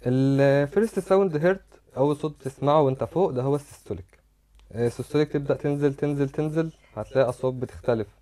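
Racing along at medium pitch, a mellow-sounding man with an Egyptian Arabic accent presents a slide-based medical lecture. His explanation goes step by step, with words repeated as he shows each point.

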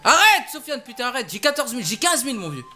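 A man hosting a gaming video, commenting excitedly while playing with a friend, repeating words rapidly and teasing. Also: very high voice, over loud music.

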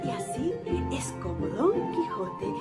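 A woman storyteller telling a children's tale in a lively, sing-song, theatrical way with playful whispers. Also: high-pitched, slow pace, over loud music.

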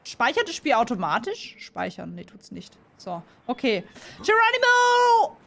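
A woman commentating a video game in casual, excitable chat and talking to her community. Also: mid-range voice, moderate pace, vocal fry, slight background noise. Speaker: gaming YouTuber. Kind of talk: casual let's play commentary. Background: game music.

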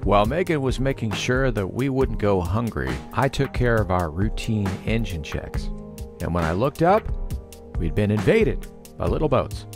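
Low-voiced man narrating a story. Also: expressive, moderate pace. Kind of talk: scripted narration. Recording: music behind.

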